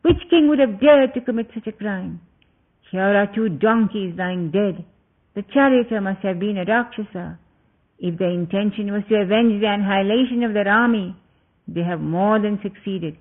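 A man voicing an anguished, passionate young prince who cries out his words loudly, heard through a tinny phone-like recording. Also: high-pitched. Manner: impassioned, loud exclamations.

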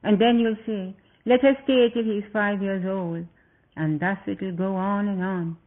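A stern king, cold and commanding while grief sits under his words, as a storyteller puts him on. The voice is fairly high. It comes through thin and tinny, like a phone line.

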